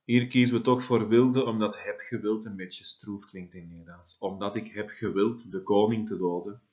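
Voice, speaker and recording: A man's voice: lowish voice, fairly even intonation, normal speed, a little mellow, dull audio. A man, teaching a Latin translation lesson and explaining step by step with frequent tag questions. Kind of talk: classroom lesson.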